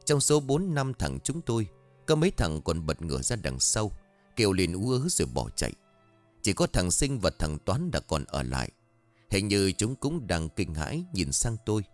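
A man telling a first-person horror story as scripted narration, lifting his voice for shouted quotes. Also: sits low, very animated, moderate pace, soft background music.

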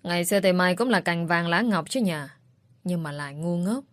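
A woman's voice: fairly low pitch, animated, brisk, no echo. A woman voicing a brutal, drunken older father who sneers and bellows abuse. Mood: sneering. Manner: abusive, sneering, shouting.

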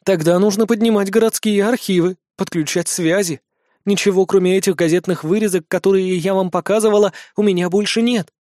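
A man's voice: sits high, steady tone, brisk, a little mellow, dry recording, studio quality, natural voice. Man voicing a weary older woman medium. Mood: earnest. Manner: weary, subdued.

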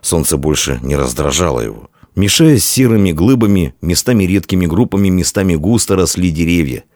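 A man narrating an audiobook in a very low, deep voice with a lively, rising and falling delivery. The recording is dry and close, with no room sound. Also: brisk, dry recording. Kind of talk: scripted narration.

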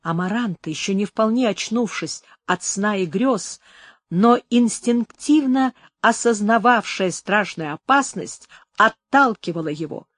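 Expressive narrator of a melodrama. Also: medium pitch, no echo. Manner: measured, expressive reading of a melodrama. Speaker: audiobook narrator. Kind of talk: dramatic literary narration.

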